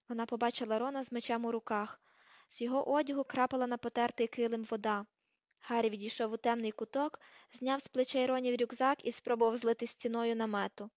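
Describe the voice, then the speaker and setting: Woman, audiobook narration, high-pitched, expressive, slightly dull dry sound. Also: no echo. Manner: lively, reads page numbers aloud.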